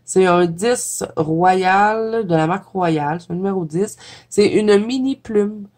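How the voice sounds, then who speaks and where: A watercolor coloring vlogger with a Quebec French accent chats casually while painting for her viewers, stuffed up with a head cold. She's talkative, laughs often, and pokes fun at herself. Her voice is mid-range, slow, and a bit mellow.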